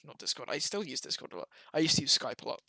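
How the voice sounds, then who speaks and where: A young man chats animatedly on a podcast, casual and quick to swear. His voice is bright and a touch higher than most men's. The recording is close and dry. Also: big pitch swings, no room sound. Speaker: podcast co-host. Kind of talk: casual chat.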